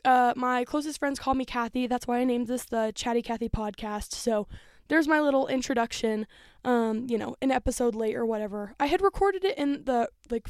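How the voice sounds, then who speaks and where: A young woman of nineteen chats on her own podcast, rambling freely and padding her talk with fillers. Her voice sits a touch high. The recording is dry, with no room echo. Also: a little mellow, clean tone. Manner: rambling, filler-heavy, chatty. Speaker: podcast host. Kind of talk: casual solo podcast chat.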